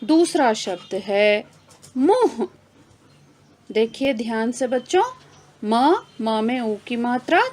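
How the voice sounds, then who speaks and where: A woman teaching young pupils, speaking at a very slow, deliberate pace in a slightly high voice. She stretches out each example word and repeats it, slipping in English terms to explain. She asks the class questions and answers them herself. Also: darkish tone. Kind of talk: online Hindi grammar lesson for children.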